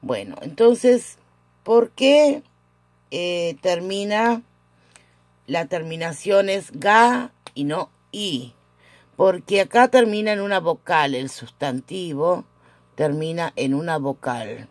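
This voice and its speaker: A woman teaching a casual language lesson at home, patiently repeating each example with frequent "eh" pauses. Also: fairly low pitch, animated, dry recording.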